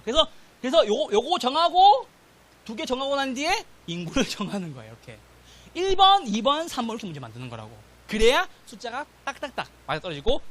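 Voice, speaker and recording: A man teaching a real estate exam prep class, drilling students with quick questions and checks of whether they follow. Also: sits high. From South Korea. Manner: animated, drills students with rapid question-and-answer, repeats "got it?". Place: classroom lecture recording.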